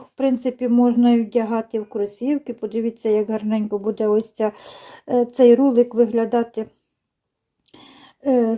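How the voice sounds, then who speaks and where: A woman talks to her viewers from her home in a chatty, unhurried way, pausing on fillers and restarting her sentences. Her voice sits a little high and has a soft, mellow tone. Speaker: knitting vlogger. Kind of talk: casual chat to viewers. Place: home, indoors by a window.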